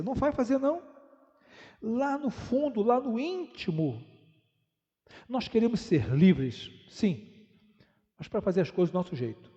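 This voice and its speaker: A high, mellow-voiced male pastor preaching in a church. He tells stories and fires off rhetorical questions, drawing out the words that matter. The sound is dull and rings with a long hall echo. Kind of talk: sermon.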